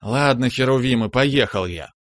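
A man's voice: mid-range voice, moderate pace, a bit bright, dry recording, natural voice. A man voicing a brash, noisy young man who clowns around. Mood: boisterous. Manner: brash, joking.

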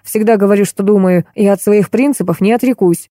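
A cantankerous old woman played by a female audiobook reader scolds and accuses in a grumpy, combative voice. The tone stays mellow and the recording is dry and close. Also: medium pitch, brisk, no room sound, lightly acted. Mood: scolding. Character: cantankerous, combative elderly woman, a retired court archive clerk. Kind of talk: audiobook character voice.

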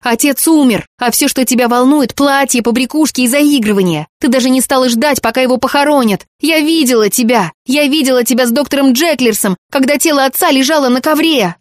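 A woman voicing an angry, defiant teenage daughter who shouts accusations, in an audiobook. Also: high-pitched, a little fast, few pauses, no echo, studio quality, pitched above the performer's own voice, lightly acted. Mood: furious. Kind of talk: audiobook character reading.

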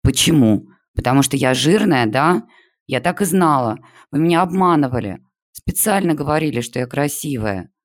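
A tearful schoolgirl in full hysterics, as a male narrator puts her on, her voice pushed high and loud. She wails and sobs through every complaint in a storybook reading. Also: lively intonation, normal speed, no room sound, studio quality, close to an everyday voice. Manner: sobbing, shrill wailing.

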